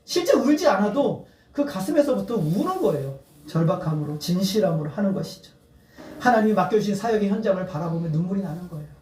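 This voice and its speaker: This pastor's voice is high, warm and sing-song, and his delivery is quick. His sermon is earnest, building up to emphatic appeals and bursting into laughter now and then. The sound comes from a distant mic in an echoey church hall, in the sanctuary.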